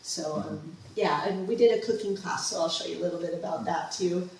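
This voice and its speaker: A lowish, brisk female voice comes through a far-off mic in a very echoey room, with a little hiss or hum. She's presenting a travel slideshow in a museum presentation room, casual and enthusiastic, with plenty of ums and restarts.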